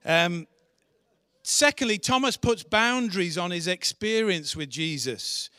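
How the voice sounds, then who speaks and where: A man's voice: high voice, lively intonation, a little slow, pushed and bright, dry recording, studio quality. A man preaching a sermon in church, earnest and asking the congregation questions. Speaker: pastor.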